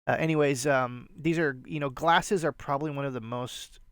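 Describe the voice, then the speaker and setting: A man with a slightly nasal, gravelly voice chats loosely through a show-and-tell of finds, full of fillers and asides. The sound is close and dry. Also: medium pitch, moderate pace, a bit bright, no room sound. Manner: rambling, filler-heavy, self-deprecating. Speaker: resale channel host. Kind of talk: casual show-and-tell vlog.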